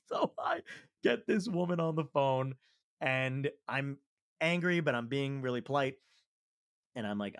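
Profane, animated male comedian storyteller. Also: medium pitch, dry recording, studio quality. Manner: profane, animated storyteller acting out both sides of a phone call. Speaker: comedian and podcast host. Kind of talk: casual storytelling chat.

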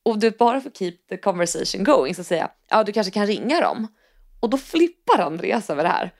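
Speaking at medium pitch with big swings, this Swedish podcast co-host sounds creaky yet a little mellow. She keeps things chatty, swears casually and performs the dialogue of anyone she quotes.

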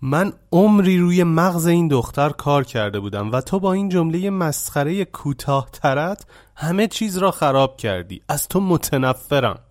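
A man voicing an impatient young man who talks in a heated, shouting way. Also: fairly high pitch, expressive, dry recording, clean studio sound, pitched above the performer's own voice, lightly acted. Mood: angry.

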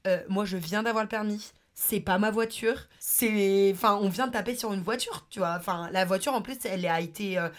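A woman's voice: mid-range voice, moderate pace, few pauses. A young adult woman hosting a podcast, telling personal anecdotes in a casual, slangy way with lots of fillers. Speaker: podcast host.

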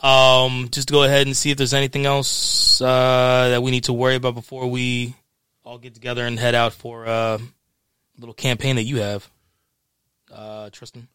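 Bright, smooth-voiced man at a tabletop game. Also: medium pitch, monotone, normal speed, no echo. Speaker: player. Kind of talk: in-character tabletop play.

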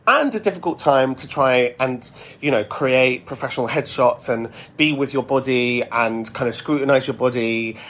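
Man, British accent, medium pitch, casual podcast host, chatty, reflective. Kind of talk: casual chatty monologue answering listener messages.

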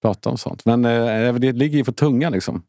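A man's voice: medium pitch, steady tone, dark tone, no room sound. A man hosting a podcast in casual chat, swearing and laughing as he tells stories. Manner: profane, storytelling, laughs often. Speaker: podcast host.

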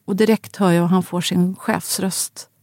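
A woman in her forties narrating a personal story in a quiet, halting, grave way. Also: lowish voice, steady tone, no echo.

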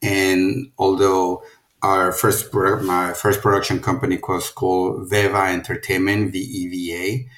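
A middle-aged Mexican film producer speaks casually in an interview with a Mexican accent, rambling through many restarts and fillers. His voice sits low with little pitch movement and a fairly bright tone, he talks a little slowly, and the sound is roomy.

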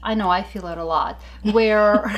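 A woman co-hosting a casual podcast chat, animated and laughing often as she tells stories. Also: medium pitch, moderate pace. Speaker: podcast co-host.

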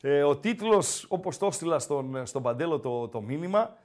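A Greek-accented man hosting a casual sports podcast in a high, animated voice. He talks fast and loose and ribs his co-host as he goes. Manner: teasing, animated, repeats the co-host's name.

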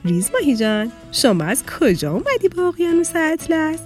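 Woman voicing a calm gentle fish teacher in a kids story, patient lecturing tone, fairly lively voice. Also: sits high, soft background music. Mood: kind. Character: kind, patient female fish schoolteacher. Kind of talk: children's storybook acting.

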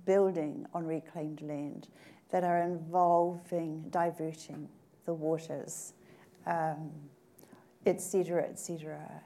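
A woman from New Zealand speaking on a panel, thoughtful and measured, pausing often to gather her words. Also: low-pitched, flat delivery, mellow. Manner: thoughtful, measured, with frequent pauses and fillers. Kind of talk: panel discussion. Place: conference room at a table.

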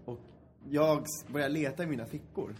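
A man's voice: a little high, slight background noise. Young man telling a story animatedly. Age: 20s. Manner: animated storyteller, acts out quotes. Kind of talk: casual comedic chat. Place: indoors, standing eating chips.

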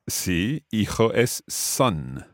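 Low-voiced guy teaching english vocab, patient, repeats stuff, dry close sound. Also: big pitch swings, very slow, no echo. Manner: patient, repeats words for the learner. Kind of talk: language lesson dialogue.

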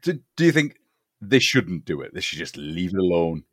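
Brief: low-voiced man, podcast host, chatty and relaxed, dry close sound. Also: moderate pace, no echo. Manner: chatty, frequent yeah and fillers. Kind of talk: casual film chat.

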